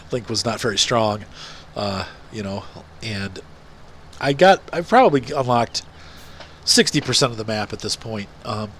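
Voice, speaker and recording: A fairly low-pitched, animated voice with a fairly bright tone keeps a measured pace, with slight background noise. It belongs to a middle-aged gaming host with a stuffy nose who rambles casually, with many fillers, while playing a farming game.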